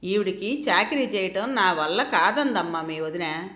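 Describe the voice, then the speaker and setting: A woman's voice: medium pitch, lively intonation, measured pace, a bit bright, reverberant. A woman voicing a weary, sorrowful old mother. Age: older. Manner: sorrowful, pleading. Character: ailing elderly mother, weary and plaintive.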